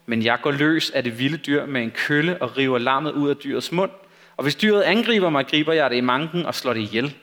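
A man's voice: mid-range voice, a bit bright, pitched below the performer's own voice, lightly acted. A man voicing a confident young shepherd who speaks earnestly in a read-aloud Bible story.

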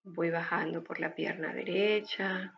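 Casting: woman meditation guide, soothing and hushed, lowish creaky voice, very slow delivery. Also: fairly even intonation, muffled recording. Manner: soft, hushed, unhurried instructions with pauses.

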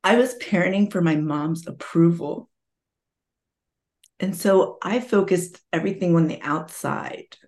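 A woman's voice: on the low side, unhurried. A woman in her forties telling her personal story candidly, acting out quoted voices with emotion. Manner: emotional, confessional, animated quotes. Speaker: guest sharing her story.

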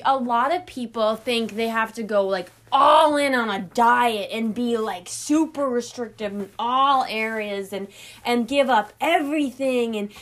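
Chatty, swearing woman podcaster. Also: on the high side. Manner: chatty, swears freely, laughs at herself. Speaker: podcast host. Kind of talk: casual solo podcast talk.

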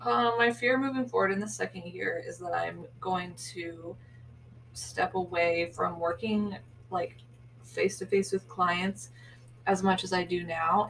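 A woman's voice: on the low side, gravelly, a bit bright, recorded from a distance, slight background noise, rough recording. A young pregnant woman, co-hosting a casual podcast chat, teasing and laughing often while sounding sleepy. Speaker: podcast co-host, hairstylist.

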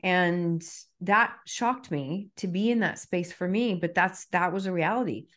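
A woman's voice: on the low side, unhurried, fairly bright tone. A middle-aged woman speaking candidly and reflectively as an author on a podcast, with emphatic stresses. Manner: reflective and emphatic, self-disclosing. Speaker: author and guest. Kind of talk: candid conversational podcast talk.

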